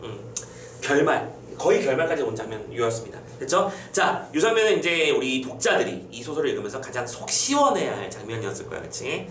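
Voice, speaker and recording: A man teaching a class in a casual, playful style, chatting informally and quizzing students with quick questions. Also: mid-range voice, very animated, fairly bright tone, far from the mic. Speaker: Korean literature teacher. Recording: roomy, off-mic, faint hum.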